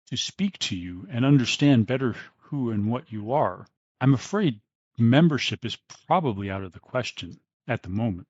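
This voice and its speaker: A man's voice: mid-range voice, darkish tone, no room sound, muffled recording. Man doing a flustered, dignified old mage. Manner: hesitant, polite, awkward.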